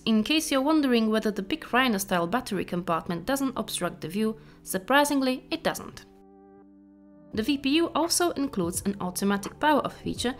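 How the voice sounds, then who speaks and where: A woman delivers scripted narration for an equipment review. Her voice sits at a middling pitch, with soft music running faintly underneath.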